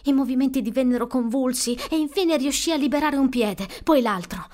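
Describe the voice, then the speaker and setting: A woman narrating an audiobook, telling a suspenseful story in an expressive way. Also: sits high, a little fast. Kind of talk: scripted narration.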